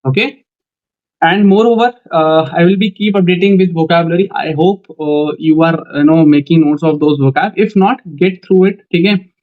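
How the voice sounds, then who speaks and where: A young man with an Indian English accent giving a coaching lecture, speaking in a calm, measured way and often repeating "okay" between points. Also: on the high side. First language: Hindi. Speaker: teacher for defence exam interviews. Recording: dull lo-fi sound.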